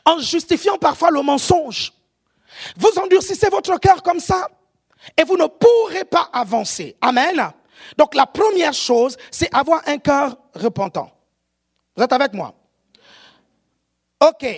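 High, lively preacher with an African French accent. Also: measured pace, pauses often. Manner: animated, often shouting, keeps asking the audience if they follow. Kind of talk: sermon.

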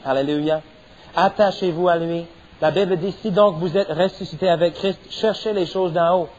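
A man's voice: high-pitched, lo-fi sound, slight background noise. A middle-aged man preaching a sermon as pastor, stressing points and punctuating them with amens. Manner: preaching with rising emphasis and repeated amens.

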